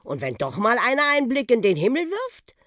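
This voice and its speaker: A woman's voice: on the high side, wildly swooping pitch, fairly quick, fairly bright tone, no room sound, clean studio sound, voice pushed up. A woman voicing a cheerful, show-off old male talking bus in a children's audiobook. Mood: cheeky. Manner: cheerful, show-off, breathless boasts.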